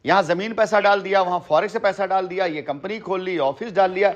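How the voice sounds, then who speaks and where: On a phone call, a company head speaks to a customer in a high-pitched voice at a quick pace. His talk comes in long, persuasive stretches, earnest and emphatic, and he often repeats himself.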